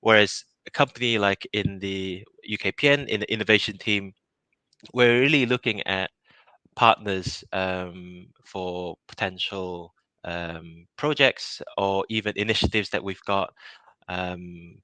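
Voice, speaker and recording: A man's voice: sits low, measured pace, sharp tone, clear, resonant tone, no room sound. A man from Malaysia in his thirties, answering interview questions casually, with many fillers, restarts and easy laughs. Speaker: innovation project lead.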